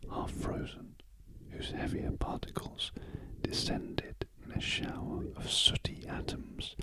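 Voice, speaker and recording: A British man reads a classic story for ASMR, entirely in a soft whisper. His delivery is very slow and gentle, broken into measured phrases. The breathy voice sits close to the ear-to-ear microphone. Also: very high voice, poor audio. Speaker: ASMR reader. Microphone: close ear-to-ear stereo microphone.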